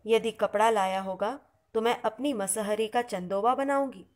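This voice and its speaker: A woman's voice: a little high, moderate pace, darkish tone, close to an everyday voice. A woman voicing a fussy middle-aged mother who insists and pleads for what she wants. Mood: insistent.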